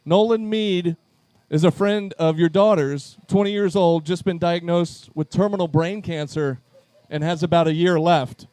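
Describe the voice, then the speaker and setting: Upbeat high-voiced male event emcee. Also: steady tone, a little slow, dark tone, no echo. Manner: upbeat, calling names to chairs. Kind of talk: live event announcing. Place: charity event at a pub.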